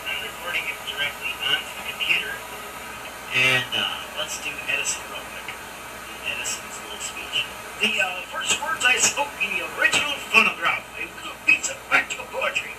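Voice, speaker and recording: A man's voice: a little high, animated, fairly quick, roomy sound, distant mic. A man giving a casual demonstration, heard through a gritty, hissy early carbon microphone.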